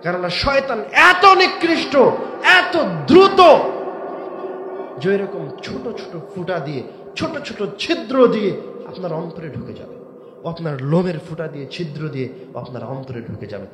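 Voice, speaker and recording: A man preaching a waz sermon, swinging between shouted emphasis and low drawn-out words, with rhetorical questions to the crowd. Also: expressive, echoey room, background noise. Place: large outdoor religious gathering.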